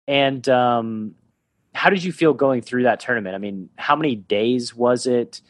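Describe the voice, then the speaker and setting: A man's voice: mid-range voice, a little slow. A man hosts an interview in an easy, conversational way and leads his guest with questions. His voice sits in a middle range. The sound is dry and close, with no room echo. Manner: conversational, asks leading questions. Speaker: podcast host.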